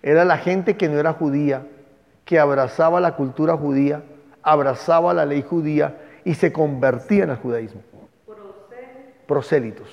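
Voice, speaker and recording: A man's voice: on the high side, normal speed, gravelly, a little mellow. A man teaching a Bible class, speaking emphatically and stopping to dictate spellings to his students. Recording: echoey, dull room recording.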